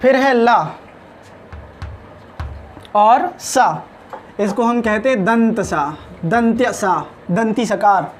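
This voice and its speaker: Male teacher, unhurried lesson delivery, enunciates every sound, faint room ambience. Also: high-pitched, a little hiss or hum. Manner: slow and deliberate, sounding out each letter. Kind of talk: spoken lesson on pronunciation.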